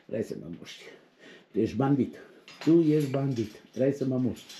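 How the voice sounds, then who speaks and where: A man's voice: mid-range voice, mellow, roomy sound, a little hiss or hum. A man, rambling colloquially as he talks straight to his viewers in a casual vlog. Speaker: vlogger.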